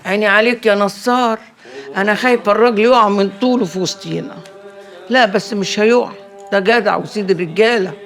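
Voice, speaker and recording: An actress playing a shrewd, proverb-quoting older matriarch with an Egyptian Arabic accent, in a TV drama. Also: female voice, mid-range voice, quick pace, faint music behind, close to an everyday voice. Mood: scheming. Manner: sly, proverb-quoting, teasing. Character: shrewd older neighborhood matriarch, scheming aunt figure. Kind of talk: TV drama acting.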